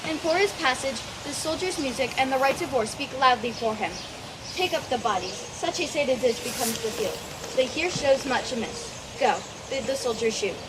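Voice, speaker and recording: A woman's voice: high voice, animated, moderate pace. A woman playing a stately royal in an amateur Shakespeare stage production. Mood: solemn, commanding. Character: stately Elizabethan royals, queen and conquering prince. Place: barn performance. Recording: noisy amateur live stage recording.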